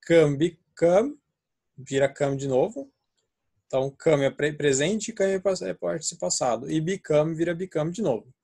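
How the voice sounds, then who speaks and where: A man's voice: a little high, normal speed, gravelly, warm tone, husky, dry recording, studio quality. A man with a Brazilian Portuguese accent teaching an English grammar lesson, explaining and repeating verb forms aloud.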